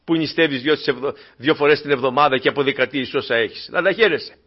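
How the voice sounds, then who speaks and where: A man preaching a sermon to his congregation with fervor, moving between quiet, low asides and loud, emphatic peaks. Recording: dull lo-fi recording.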